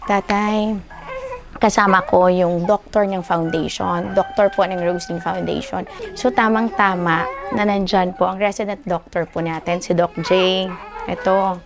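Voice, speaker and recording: A woman visiting a family as foundation host, asking about the babies and hushing them. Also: lowish voice, fairly even intonation, a little slow. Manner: warm, hushing a baby, asking questions. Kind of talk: casual chat. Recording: music bed under field audio.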